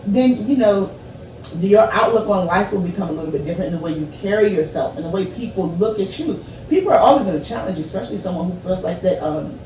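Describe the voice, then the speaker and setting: A woman's voice: medium pitch, expressive, fast talker, a little mellow. A middle-aged woman, speaking assertively and emphatically in a casual panel talk. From southern United States, rural. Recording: echoey room, distant mic, clear noise.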